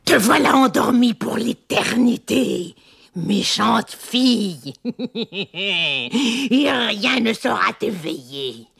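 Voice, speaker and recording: A cackling, creaky old witch. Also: deep voice, lively intonation, slow pace, fairly bright tone, heavily acted. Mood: triumphant. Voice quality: creaky, husky old crone voice. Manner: sly, wheedling, cackling. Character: wicked queen turned cackling old witch. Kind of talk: storybook record acting.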